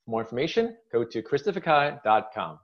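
A man's voice: medium pitch, sing-song, fairly quick. Male podcast host, mid-range voice, upbeat and welcoming, slightly dull recording. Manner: upbeat, enthusiastic introductions. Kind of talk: podcast interview hosting.

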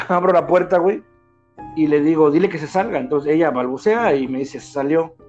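Mexican man in his thirties, brisk talker, slangy and animated, slightly raised voice, dull lo-fi audio with faint music behind. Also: fairly high pitch. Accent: Mexican Spanish. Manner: slangy, animated, peppers speech with filler words. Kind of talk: casual storytelling chat.

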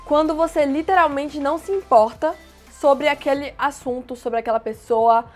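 A woman teaching everyday English phrases, explaining plainly and repeating each phrase slowly. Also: high voice, soft background music. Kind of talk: casual language lesson.

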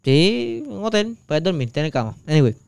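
A Puerto Rican man tells a meandering anecdote, his voice very smooth and resonant with a slightly raised pitch. He piles on fillers and crude slang as he goes. The sound is dry and close, with no room echo. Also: very animated, normal speed. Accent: Puerto Rican Spanish. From Puerto Rico. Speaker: podcast co-host. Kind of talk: casual chat, storytelling.

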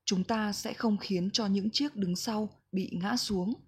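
A woman reading a reflective book passage aloud in a slow, gentle, measured way. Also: mid-range voice, slightly rough. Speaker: book reader.

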